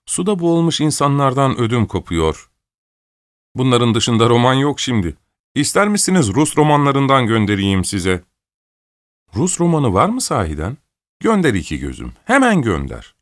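A man's voice: medium pitch, huge pitch swings, normal speed, no echo, studio quality, voice pushed up. A man voicing an imperious, fussy old countess who scolds and orders people about in an audiobook. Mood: demanding. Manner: scolding, peevish, bossy. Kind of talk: audiobook character voice.

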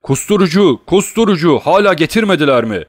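A man's voice: mid-range voice, animated, brisk, dry recording, clean studio sound, natural voice. A man voicing a shaken middle-aged male prosecutor who exclaims in alarm. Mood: frantic.

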